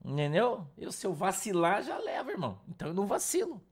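A pastor from Brazil preaching an informal sermon, blunt and scolding, full of slang. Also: male voice, sits high, huge pitch swings, fast, slightly rough. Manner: blunt, scolding, slangy, mimics whiny congregants.

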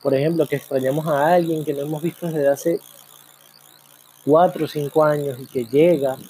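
Male host, reflective monologue, slightly raised pitch, mellow dark tone, many rhetorical questions. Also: fairly even intonation, slightly rough. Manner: musing, full of rhetorical questions, slow drawn-out pauses. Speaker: program host.

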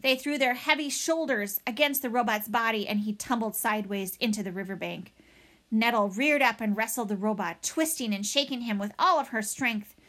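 A woman narrates a storybook chapter with dramatic expression. Her voice sits a bit higher than most women's, and she leans into the action as she reads. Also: normal speed, fairly bright tone. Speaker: audiobook reader. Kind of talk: storybook read-aloud.

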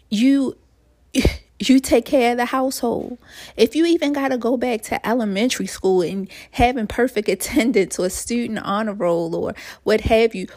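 A woman's voice: fairly high pitch, creaky, a little mellow. A woman life coach hosting a podcast, giving a motivational talk in an emphatic way, repeating her phrases and calling her listeners y'all and honey.

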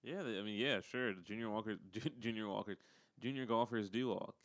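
A man's voice: on the low side, a little fast, dry recording. A man co-hosting a casual podcast chat, teasing his partner bluntly and laughing often. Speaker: podcast co-host, golfer.

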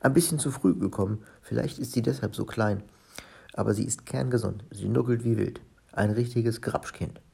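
A man voicing a proud, cheerful robber's wife in a storybook reading, raising his gravelly voice a little. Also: lowish voice, moderate pace, mellow, full character voice.

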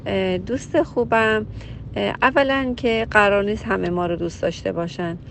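Lady counselor reading a letter then giving advice, direct and emphatic, middle pitch. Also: creaky, a little hiss or hum. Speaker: family counselor.

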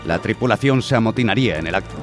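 An actor playing a stern, authoritative ship's captain in a Spanish radio drama, curt and commanding. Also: male voice, fairly low pitch, animated, very fast, music in the background. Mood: grave, measured.

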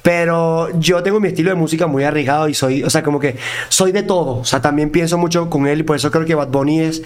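A man's voice: on the high side, fast, clear, resonant tone. A man with a Venezuelan accent mixed with Mexican slang, chatting informally and profanely as a singer being interviewed. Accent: Venezuelan Spanish with Mexican slang. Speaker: interview guest, singer and producer. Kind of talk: casual conversational interview.

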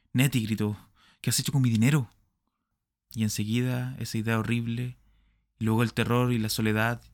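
A man narrating a short story in measured, dramatic storytelling. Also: fairly low pitch, dry recording, studio quality. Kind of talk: audiobook narration.

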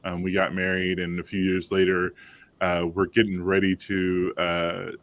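A man, telling a personal story on a panel, halting with fillers and restarts but animated when quoting others. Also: low-pitched, a little hiss or hum. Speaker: panel guest father.

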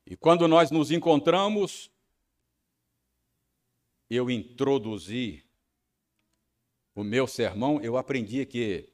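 Man, Brazilian accent, pastor preaching, slow and deliberate, lively swooping pitch, storytelling. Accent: Brazilian Portuguese. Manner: storytelling, acting out his own angry rehearsal; frequent tag questions. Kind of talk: sermon.

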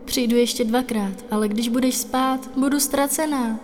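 An actress voicing a beautiful, cursed young maiden in a fairy tale, speaking in a mournful, lamenting way. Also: female voice, fairly high pitch, fairly even intonation, over music, natural voice. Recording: long hall reverb.

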